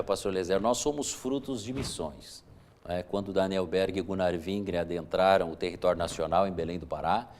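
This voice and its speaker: A man's voice: lowish voice, vocal fry, darkish tone, slight background noise. A pastor, explaining his church's mission work earnestly, as a guest on a televised church interview. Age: 40s.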